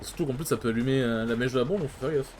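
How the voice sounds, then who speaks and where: A man's voice: medium pitch, very fast, darkish tone. Chatty male let's play host. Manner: chatty, loose, swears casually. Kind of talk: casual gameplay commentary.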